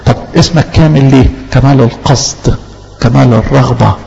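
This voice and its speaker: Impassioned Egyptian preacher, gravelly voice. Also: male voice, mid-range voice, steady tone, a little fast, warm tone, big-room sound, muffled recording. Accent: Egyptian Arabic. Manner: impassioned, rhetorical questions, voices the speakers he quotes. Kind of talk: sermon.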